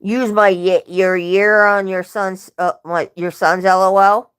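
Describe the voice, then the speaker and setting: Slow-talking woman chatting casually on a livestream. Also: medium pitch, level tone, a bit bright, smooth. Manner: rambling, self-correcting storyteller. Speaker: livestream host.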